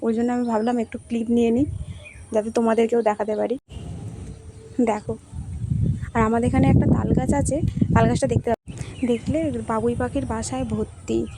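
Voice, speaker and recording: A woman's voice: on the high side, flat delivery, moderate pace, long pauses, heavy background noise. Chatty young Bengali woman vlogging. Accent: West Bengal Bengali. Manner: chatty, homely storytelling. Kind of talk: casual vlog narration.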